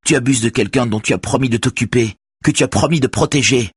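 A man's voice: mid-range voice, fast talker, husky, dry recording, clean studio sound, pitched above the performer's own voice. A man reading aloud, voicing a betrayed, distraught grown brother in a strained, raised voice near tears.

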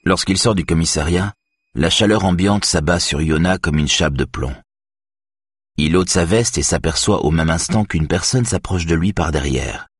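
A man narrating an audiobook in a measured, even way. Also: deep voice, slightly rough, no room sound, clean studio sound. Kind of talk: scripted narration.

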